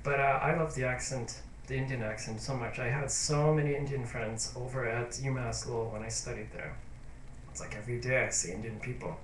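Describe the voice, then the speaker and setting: A YouTube vlogger speaks straight to camera in a casual diary vlog, rambling hesitantly with fillers and restarts in a sentimental, confiding tone. His mid-range voice has fairly even intonation and moves a little fast. He is far from the mic, with roomy echo and a little hiss or hum.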